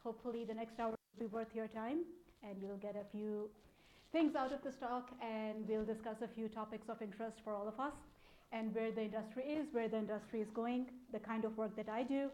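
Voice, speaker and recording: A woman in her thirties with a Pakistani accent, a data analytics program manager, gives an informal conference talk, explaining things conversationally. Her voice is fairly high and fairly even, a little fast and a little mellow, on a low-quality recording.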